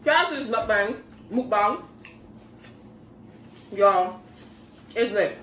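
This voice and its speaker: A woman's voice: medium pitch, animated, slow pace, fairly bright tone, a little hiss or hum. Slangy woman chatting while she eats, echoey room, mic kinda far off. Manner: laid-back and slangy, talks between bites. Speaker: mukbang vlogger. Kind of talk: casual chat while eating.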